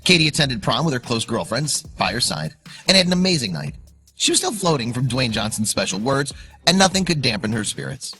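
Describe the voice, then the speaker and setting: With soft music playing behind, a man tells a scripted online-video story, pressing for suspense and emphasis. He talks a little fast in a bright, forceful, middle-pitched voice that rises and falls with energy.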